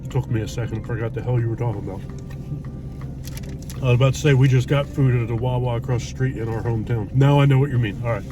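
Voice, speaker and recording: With music playing behind him, a middle-aged food vlogger chats in a parked car in a driveway, blunt, rambling and mildly profane. He has a mid-range voice and talks fast, while the car interior carries noisy road hum.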